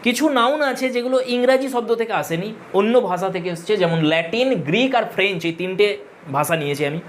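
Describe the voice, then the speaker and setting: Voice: medium pitch, fast, a little hiss or hum. A teacher giving an exam-prep grammar lesson, repeating rules drill-style, spelling words out letter by letter and correcting pronunciation. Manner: addresses students directly and corrects pronunciation.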